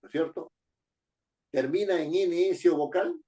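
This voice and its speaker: Speaking unhurriedly in a fairly high, mellow voice, a man from Peru leads a class on writing and accent marks. He lays out the rules and repeats important phrases while asking his students questions.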